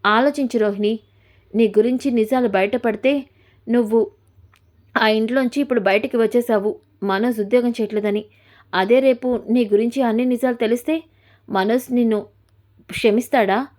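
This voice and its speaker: A woman's voice: a little high, steady tone, moderate pace, long pauses, a little mellow, natural voice. Woman voicing a blunt, frank young friend. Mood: reproachful. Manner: blunt, reproachful.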